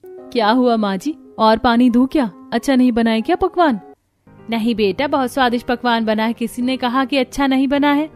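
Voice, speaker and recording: A stubborn young daughter-in-law from a cartoon story talks back sassily in a high voice, acted by a woman. She turns pouty and sweet whenever it helps her. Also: normal speed, a little mellow, faint music behind, close to an everyday voice.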